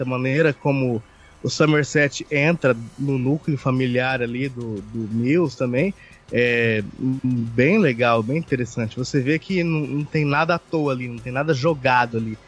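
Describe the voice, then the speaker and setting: A man co-hosting a casual film chat, summarizing the story in a halting, explanatory way. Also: mid-range voice, soft background music. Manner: halting, explanatory, restarts often. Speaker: podcast co-host.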